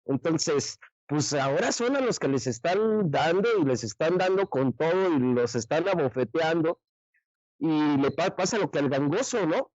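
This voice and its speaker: A man's voice: fairly high pitch, expressive, moderate pace, darkish tone, no echo, highs cut off. Man, radio panelist, blunt and slangy, dry close sound. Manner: blunt and colloquial, full of slang and restarts. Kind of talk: political commentary on a call-in radio panel.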